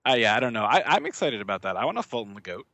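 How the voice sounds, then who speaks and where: A man in a loose gaming chat whose voice rises and falls a lot as he talks. He laughs often between quick remarks. The sound is dry and close, with no room around it. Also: medium pitch, very animated, vocal fry, pushed and bright, no room sound. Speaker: podcast co-host.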